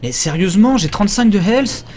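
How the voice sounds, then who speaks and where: A man's voice: sits high, lively intonation, fairly quick, darkish tone. A man giving casual live commentary while playing a video game, rambling and crude, joking with many fillers. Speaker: game streamer.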